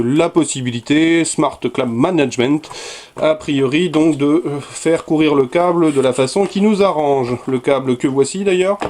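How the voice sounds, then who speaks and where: A man's voice: fairly high pitch, a little mellow. A man casually unboxing and reviewing a keyboard, chatty with many fillers and self-corrections. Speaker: product reviewer.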